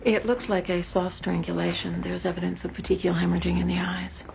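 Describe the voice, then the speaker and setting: Clinical, gravelly-voiced pathologist. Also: female voice, lowish voice, little pitch movement, a little fast, heavy background noise. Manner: clinical, matter-of-fact delivery. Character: composed woman pathologist, precise and clinical. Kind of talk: TV crime drama acting.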